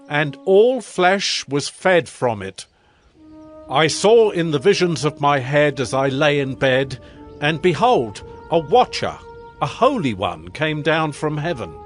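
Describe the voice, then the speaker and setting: Grandiose King Nebuchadnezzar, swooping slow delivery. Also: on the high side. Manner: declamatory, solemn, measured royal delivery. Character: proud, grandiose ancient Babylonian king, awed by wonders. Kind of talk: dramatized audio scripture acting.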